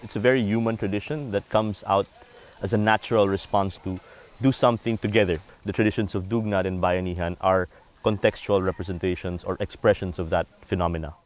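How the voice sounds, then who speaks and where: A man with a rather low voice who speaks politely and explains things at a steady, easy pace. He sounds like an architect walking people through a community project. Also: fairly quick. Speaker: architect and workshop facilitator. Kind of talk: documentary interview and community workshop.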